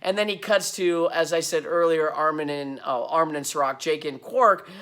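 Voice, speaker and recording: A man, an actor, telling behind-the-scenes stories in a casual, animated way and acting out his own lines as he goes. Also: on the high side, moderate pace. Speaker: actor sharing set stories.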